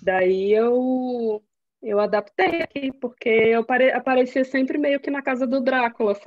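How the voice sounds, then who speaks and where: A woman, an invited speaker, chatting in a lively, storytelling way from her home office before a live online event. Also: sits high, unhurried, no echo. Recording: dry, dull lo-fi sound.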